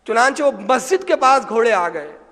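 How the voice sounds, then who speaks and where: High-pitched guy preaching, storytelling sermon, gets loud and emphatic, lots of hall echo. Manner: animated, swells to emphatic loud passages. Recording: echoey hall with long reverb.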